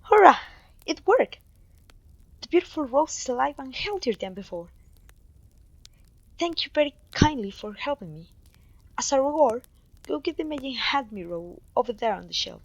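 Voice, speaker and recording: In an ASMR fantasy roleplay, a woman plays a clumsy, kindly witch mentoring her apprentice, her fairly high voice recorded close and dry with no room sound, though the recording quality is low. She speaks at a moderate pace with frequent pauses, using polite, slightly old-fashioned phrasing in a gentle, apologetic way. The performance is very animated and heavily acted, moving from delight to a pleased, encouraging mood.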